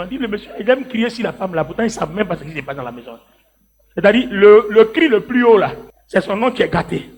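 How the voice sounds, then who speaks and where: A man preaches to his congregation. He drops to quiet asides, then rises to shouted exhortation. Faint music plays behind him. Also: high-pitched. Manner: animated, swings from hushed asides to shouted exhortation; talks directly to the congregation with many "hein" and "là" tags. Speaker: evangelist preacher. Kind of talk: sermon.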